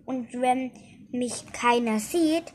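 A woman voicing a cheeky little male ink monster in a storybook reading, squealing high and loud when upset. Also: slow, slight background noise. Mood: panicked. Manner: shrieking, squealing in distress.

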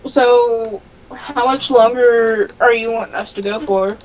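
A woman's voice: fairly high pitch, fairly even intonation, a little mellow, highs cut off, a little hiss or hum. A woman chatting casually with her boyfriend while they play a video game together, talking through what she is doing. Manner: drawn-out, playful, talks through her play. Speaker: streamer's girlfriend, co-player. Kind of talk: casual chat during gameplay.

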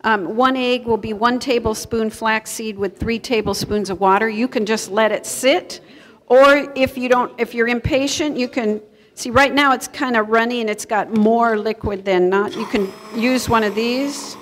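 In an echoey church kitchen hall, a middle-aged presenter gives an informal cooking demonstration to a live audience, chatting as she explains each step. Her voice is slightly high and steady at a moderate pace, with a little hiss or hum on the recording.

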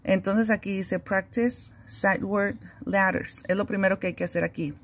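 A woman explaining how a children's reading curriculum works, in a relaxed, conversational teaching manner with frequent fillers. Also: mid-range voice, moderate pace, a little hiss or hum. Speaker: homeschooling teacher.

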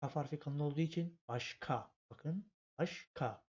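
A patient man spells out letters one by one in a language lesson, explaining step by step and repeating himself. His voice is a little high and mellow at normal speed, heard on a dull lo-fi home recording.

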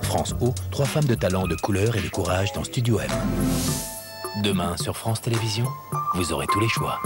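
A man gives a scripted promotional voice-over as a continuity announcer, smooth and even. His voice is fairly low, and loud music plays under him. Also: moderate pace.

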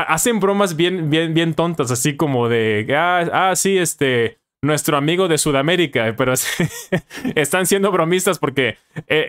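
A young Mexican man with a Mexican Spanish accent, a YouTuber and English teacher reflecting casually on his own video, with frequent self-corrections and tag questions. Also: a little high.

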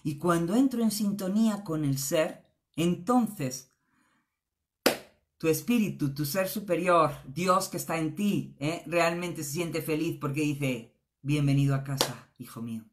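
Woman, middle-aged, spiritual speaker; earnest and a little low-pitched. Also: slow. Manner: earnest, tags phrases with "¿eh?". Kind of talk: spiritual motivational talk.

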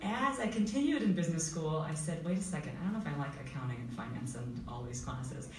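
A woman from Uganda with a very low voice tells her story at a panel, her pitch moving a lot as she talks. She sounds distant in an echoey hall with faint noise. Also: animated, fast. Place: school hall with audience. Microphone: table mic heard from far camera.

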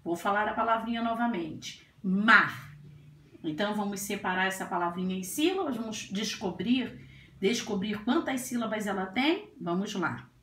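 A woman teacher going through a grammar worksheet for young children, speaking slowly and gently and drawing out each word. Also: mid-range voice, slight background noise. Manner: slow, drawn-out, gentle teacher talk with diminutives. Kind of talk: slow grammar lesson for children. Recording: echoey room.

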